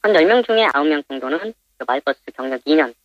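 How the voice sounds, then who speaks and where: A man with an electronically disguised voice politely and haltingly explains things as an anonymous interviewee. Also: expressive. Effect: voice disguised by pitch-shifting for anonymity. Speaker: minibus driver interviewed anonymously. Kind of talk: plain interview answers. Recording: dull, band-limited phone interview audio.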